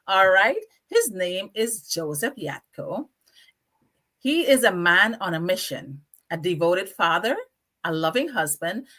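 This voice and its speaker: A bright-voiced middle-aged woman from Guyana hosts a live online chat show. She talks with eager enthusiasm and gushing praise, often breaking into laughter. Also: on the low side. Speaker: show host.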